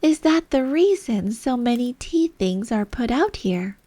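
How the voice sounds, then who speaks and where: A woman's voice: a little high, animated, unhurried, mellow, no echo, pitched above the performer's own voice. A woman voicing a polite, earnest, curious young girl in a storybook.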